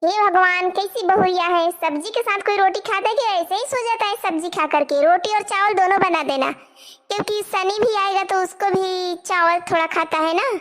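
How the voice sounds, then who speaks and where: A woman voicing a bossy, scolding mother-in-law in a cartoon, with a very high voice. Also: normal speed, fairly bright tone. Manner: nagging, lecturing. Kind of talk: cartoon voice acting.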